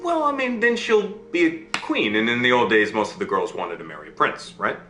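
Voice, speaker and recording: A man spinning a fairy tale, animated and bright, roomy echo, faint music. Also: medium pitch, normal speed. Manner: lively, animated, checks in often with "right?" and "okay?". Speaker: storyteller. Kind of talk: telling a fairy tale aloud.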